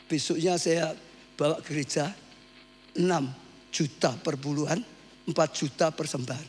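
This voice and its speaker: Husky high-voiced pastor, yells then goes quiet, big echoey church with hum. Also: male voice. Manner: animated storytelling, shouting at peaks and dropping to soft asides. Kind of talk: sermon. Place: church hall. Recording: hum from a live church stream with long hall reverb.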